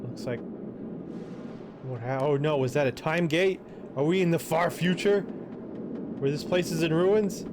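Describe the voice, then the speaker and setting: A man's voice: a little high, a little slow, pauses often, noisy background. A man giving casual commentary while he plays a video game, chatty and reacting aloud, muttering to himself. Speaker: let's play gamer. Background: game music.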